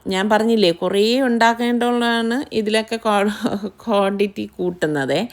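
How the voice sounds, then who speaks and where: A middle-aged woman hosting a home cooking vlog, talking viewers through each step in a chatty, explaining way. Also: mid-range voice. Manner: chatty, explains step by step, keeps adding tag questions. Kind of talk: casual home cooking chat.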